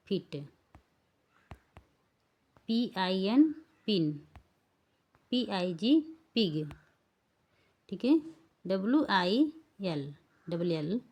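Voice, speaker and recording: A woman's voice: medium pitch, animated, drawn-out words, pauses often, a little mellow. A woman teaching English pronunciation rules, spelling words out letter by letter and checking that the learners follow. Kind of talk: slow spelling-rule lesson.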